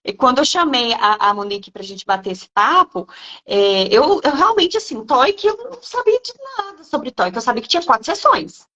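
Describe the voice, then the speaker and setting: A woman hosts a live stream and reacts to her guest with curiosity. Her pitch moves a lot, and it sits a bit high. The audio sounds dull and lo-fi. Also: moderate pace. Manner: lively, curious, reacting with interest. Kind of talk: casual live-stream interview.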